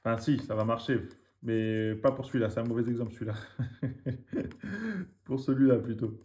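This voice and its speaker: A man teaching a reading lesson, slowly drilling words syllable by syllable, with quick asides in between. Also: medium pitch, mellow. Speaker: Arabic teacher.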